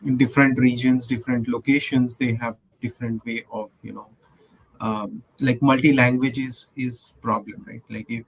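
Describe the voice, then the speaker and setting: A man's voice: medium pitch, low-quality recording. A man serving as a panelist on a video call, asking long rambling questions with repeated words and frequent tag questions. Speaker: panelist judge.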